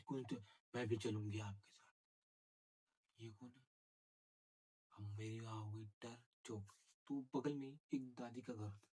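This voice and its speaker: A male vlogger telling a ghost story in an animated way, acting out sounds and scenes. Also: medium pitch, breathy edge. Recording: noisy background.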